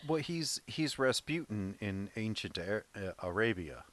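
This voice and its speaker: A man's voice: fairly low pitch, expressive, a little slow, fairly bright tone, dry recording. A man co-hosting a movie podcast, chatting casually about a film and laughing often. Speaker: podcast co-host.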